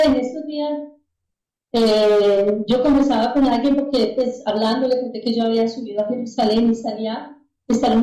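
A woman's voice: a little high, dark tone, echoey room, distant mic, rough recording. A Colombian woman with a Colombian Spanish accent, telling a personal faith testimony in a casual, rambling way with prayerful asides. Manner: storytelling, with frequent restarts and prayerful asides.

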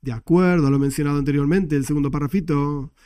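A man leads a religious study class, explaining with energy and asking rhetorical questions before answering them. His voice sits a little high, with a mellow, soft-edged tone. The recording is close and dry. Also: fast talker, no room sound. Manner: animated, emphatic explaining with rhetorical questions and chuckles. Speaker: Torah class teacher.

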